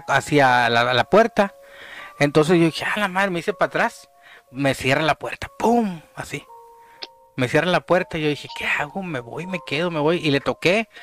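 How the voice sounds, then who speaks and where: A man with a Mexican accent tells a story in a relaxed chat, lively and dropping into hushed tones when it gets tense. His voice sits a little high. Faint music plays underneath. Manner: animated, drops to hushed tones at tense moments. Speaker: podcast guest telling a story. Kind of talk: casual storytelling.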